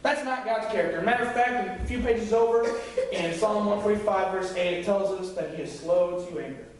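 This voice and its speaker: A high-voiced young man speaks a little fast as he gives a lighthearted, conversational youth sermon in a church sanctuary. He acts out the voices of the people he quotes, and the sound comes from far off in an echoey room.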